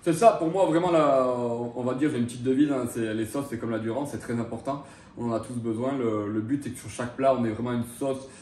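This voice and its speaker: A French chef in his thirties answers interview questions hesitantly, full of fillers and restarts. His medium-pitched voice is a little mellow and he talks fast. The mic sits at a distance in a roomy, echoing space with a slight hiss or hum.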